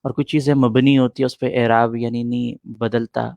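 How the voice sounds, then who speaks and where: A man's voice: mid-range voice, little pitch movement, vocal fry, darkish tone, dry recording, lo-fi sound. A middle-aged man teaching an Arabic grammar lesson in a patient way, repeating points and answering students' questions.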